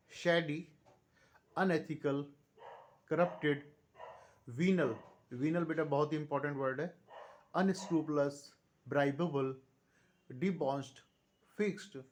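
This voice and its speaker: A man with an Indian accent teaching English vocabulary online, reading long lists of synonyms and calling his students "beta" in a fatherly tone. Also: on the high side. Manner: reads synonyms one by one in a steady list. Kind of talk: online vocabulary lesson, reciting word lists.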